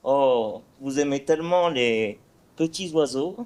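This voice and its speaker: A man's voice: mid-range voice, takes it slowly, darkish tone, close to an everyday voice. A man playing a boastful, witty swordsman poet with a huge nose in an amateur stage play, reciting theatrically with hesitant fillers. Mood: mocking.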